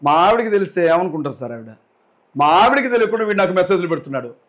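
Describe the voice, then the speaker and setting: A man with a notably high voice speaks as an interview guest. He talks with forceful indignation, drives his points home by repeating them, and keeps deferring politely to his host. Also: big pitch swings, racing. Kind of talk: heated interview talk.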